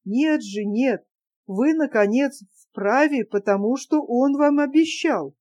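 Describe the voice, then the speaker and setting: A woman's voice: high voice, slow pace, a little mellow. A woman reading a novel's young male narrator, pleading and persuasive in his dialogue. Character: young man, timid eager dreamer.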